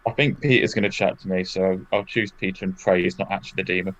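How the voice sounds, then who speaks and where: A man playing an online party game, relaxed and thinking aloud with dry humor. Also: sits low, fast talker, rough recording. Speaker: game player. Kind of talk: casual game chat.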